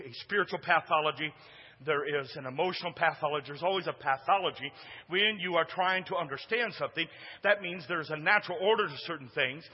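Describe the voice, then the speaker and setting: A pastor's sermon fills a church sanctuary: his voice is big and booming yet high-pitched and husky. Hushed asides give way to shouting as he urges responses from the congregation, all heard through a dull, muffled recording with a long reverb tail.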